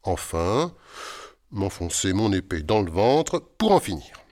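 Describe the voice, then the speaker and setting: A man's voice: fairly low pitch, fairly quick, natural voice. A man voicing a nervous, hot-tempered knight in a read-aloud storybook, speaking bluntly and with exasperation, with music behind him. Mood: seething. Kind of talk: storybook character voice.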